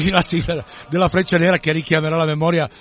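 A man who co-hosts the show and reads a novel aloud, in an expressive reading voice. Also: on the high side, quick pace. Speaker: co-host and reader.

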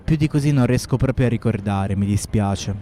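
Actor as a curt anarchist assassin under questioning. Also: male voice, on the low side, brisk, mellow, lightly acted. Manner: curt, terse answers. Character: defiant young male anarchist assassin. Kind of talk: historical radio drama.

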